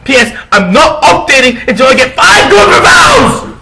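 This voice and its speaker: A man voicing an indignant, defensive teenage girl fan fiction author in a hammy, shouty, whining way. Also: extremely high pitch, huge pitch swings, normal speed, vocal fry, a crowd in the background, voice pushed up, heavily acted. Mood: indignant, ranting.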